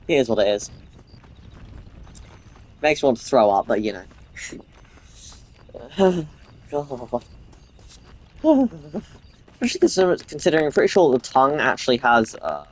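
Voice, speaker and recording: A man's voice: medium pitch, expressive, unhurried, pauses often. A man giving casual gameplay commentary, rambling, swearing freely and restarting his sentences. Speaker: gamer playing on camera.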